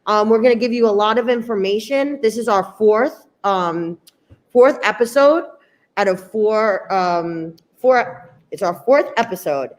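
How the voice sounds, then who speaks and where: A woman's voice: medium pitch, unhurried. A woman hosting a school open house, chatting playfully and enthusiastically with viewers and a young student. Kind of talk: upbeat casual chat.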